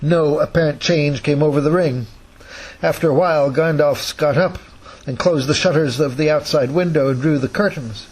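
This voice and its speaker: Man reading a novel aloud, husky. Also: fairly high pitch, moderate pace, low-quality recording. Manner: relaxed, with chatty asides and self-corrections. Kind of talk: casual read-aloud narration.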